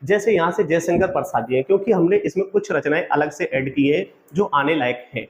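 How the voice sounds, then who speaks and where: Brisk and high-voiced, a man leads a quiz-style exam-prep lecture with a little hiss or hum audible. He keeps calling the audience friends, and for each question he gives the answer before asking once more so the students repeat it.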